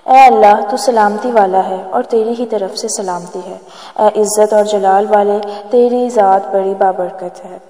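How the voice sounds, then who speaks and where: A woman teaching prayer pronunciation, reciting slowly and drawn out, then explaining quickly. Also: medium pitch, dark tone. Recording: echoey room with long reverb.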